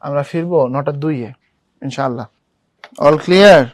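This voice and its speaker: A young man with a slightly high voice leads an online university admission class, talking a little slowly. He's casual and chatty, speaking directly to his students and asking them questions, with slight background noise audible.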